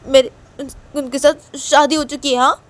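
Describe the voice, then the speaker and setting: A woman voicing a heartbroken young wife who pleads, cries and shouts in a homemade story reading. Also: sits high, fairly even intonation, moderate pace, close to an everyday voice. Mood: pleading. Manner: pleading and crying, rising to shouts. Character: young woman Uma, heartbroken, tearful, defiant.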